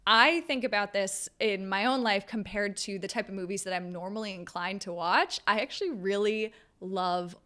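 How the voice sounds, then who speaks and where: A woman speaking as a video creator in a reflective, conversational commentary, pausing mid-phrase as she thinks. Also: medium pitch, bright, forceful tone. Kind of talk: reflective talking-to-camera commentary.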